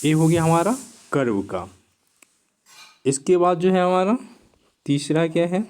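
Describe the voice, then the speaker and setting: Male tutor, slow and deliberate, repeats each word and checks in with short tag questions while writing on a board. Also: on the high side, darkish tone, clear, resonant tone. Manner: writes on a board while explaining. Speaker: teacher. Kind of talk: exam vocabulary lesson.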